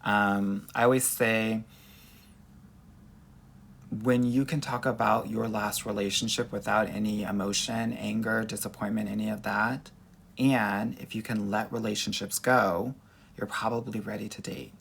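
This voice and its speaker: On a livestream, a male dating coach and host gives casual dating advice in a Southern California Valley Girl accent, sassy and girlfriend-to-girlfriend, tossing in "girl" and "honey." His gravelly, fairly bright voice is on the low side, delivered flat and a little slow, with slight background noise.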